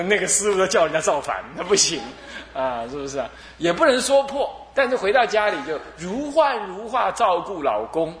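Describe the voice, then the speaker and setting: A man's voice: fairly high pitch, fairly bright tone, reverberant. A man with a Taiwanese Mandarin accent, a Buddhist abbot giving a sermon on a sutra, chuckling and asking his listeners rhetorical questions over and over. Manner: chuckling, asks the audience rhetorical questions again and again. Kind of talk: Buddhist sermon, lively lecture.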